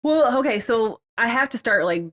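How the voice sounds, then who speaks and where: A woman's voice: on the high side, lively intonation, moderate pace, a bit bright. A middle-aged woman with a Midwestern American accent, a hair stylist guest talking casually on a podcast, chatty with lots of fillers. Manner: chatty, laughs often, uses many fillers.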